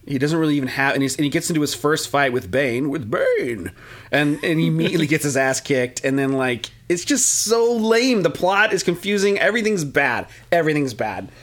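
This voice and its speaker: Rambling jokey man, slightly high voice. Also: animated, a little fast, a bit bright. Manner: rambling, jokey, slips into mocking movie voices. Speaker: podcast co-host. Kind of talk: casual chat.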